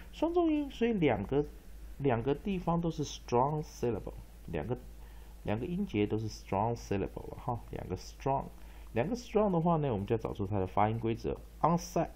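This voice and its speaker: A man teaching English pronunciation, spelling out letters and repeating words to drill them, often ending phrases with a soft "ha". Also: medium pitch. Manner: tags phrases with a soft "ha" particle. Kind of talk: pronunciation lesson.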